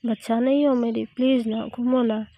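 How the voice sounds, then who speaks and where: A woman's voice: fairly high pitch, little pitch movement, moderate pace, lo-fi sound. A woman voicing a shy, flustered young college woman who stammers and pleads. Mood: pleading.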